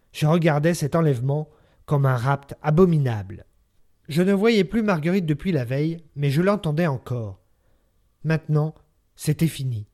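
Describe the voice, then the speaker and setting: Man reading a novel aloud, measured and expressive. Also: fairly high pitch. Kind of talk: scripted literary narration.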